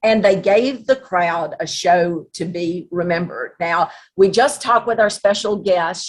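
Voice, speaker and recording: Woman, casual host, chatty storyteller, lowish voice, husky. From North Louisiana. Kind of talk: casual presentation.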